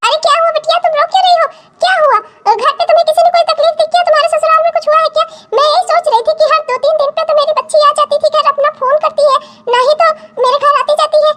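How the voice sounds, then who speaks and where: A woman voicing an older cartoon mother who rushes to defend her daughter. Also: very high voice, fairly even intonation, a bit bright, voice pushed up. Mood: worried. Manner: fussing, indignant, quick.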